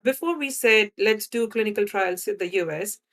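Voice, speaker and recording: This guest scientist in drug development, a woman from India with an Indian accent, talks through her work in an easygoing interview and keeps checking in with "right?". She speaks at a moderate pace in a medium-pitched, slightly bright voice.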